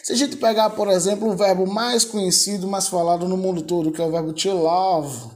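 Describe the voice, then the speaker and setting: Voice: mid-range voice, fairly even intonation, fairly quick, a little mellow. An English teacher with a Brazilian Portuguese accent giving a video lesson, patiently drilling verb lists and asking rhetorical questions.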